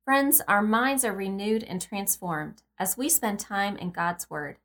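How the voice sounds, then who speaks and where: A woman hosting a devotional podcast, guiding meditation and reading scripture in a calm, unhurried, gently instructing way. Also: mid-range voice. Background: music behind the voice.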